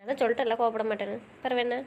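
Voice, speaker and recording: Actress for a young college girl, stubborn and pleading, rapid-fire delivery. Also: fairly high pitch, steady tone, highs cut off, slight background noise, close to an everyday voice. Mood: hurt. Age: young adult. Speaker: voice actor. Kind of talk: audio drama acting.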